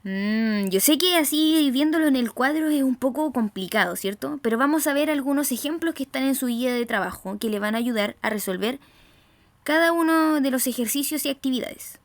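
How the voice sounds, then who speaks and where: A woman teacher with a Chilean accent giving a recorded grammar lesson, slowly stressing syllables and often checking in with her students. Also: high voice, lively intonation, no room sound. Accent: Chilean Spanish. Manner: slow, emphatic stressing of syllables, frequent "¿cierto?" checks.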